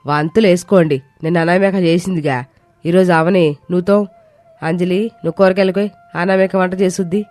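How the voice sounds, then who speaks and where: A woman's voice: lowish voice, steady tone, a little fast, darkish tone, no echo, soft background music, close to an everyday voice. A woman voicing a bossy older mother-in-law who gives orders and scolds in a cartoon story. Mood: commanding. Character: stern older mother-in-law running the house.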